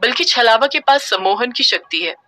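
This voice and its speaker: A woman's voice: fairly high pitch, animated, brisk, sharp tone. Woman playing a teasing young man. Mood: stunned.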